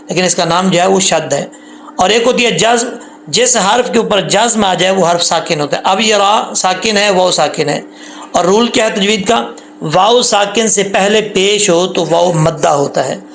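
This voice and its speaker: Guy teaching quran tajweed, kinda gravelly, faint hiss behind. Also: high-pitched, moderate pace, fairly bright tone. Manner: patient, repeats points, drawls recited syllables. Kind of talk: tajweed lesson with slow recited examples.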